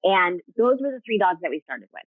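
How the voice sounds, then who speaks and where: A woman's voice: mid-range voice, big pitch swings, fairly quick, no echo. A woman guest on a video call, talking earnestly with many fillers and restarts. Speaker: guest, rescue co-founder. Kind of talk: casual video-call interview. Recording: tinny phone-like call audio.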